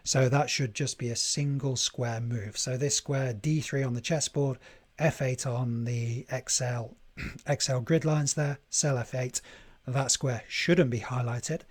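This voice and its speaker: A man hosting a live coding tutorial stream, thinking aloud in a deliberate way and chatting to viewers as he works. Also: medium pitch, fairly even intonation, slightly rough. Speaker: livestream coding host.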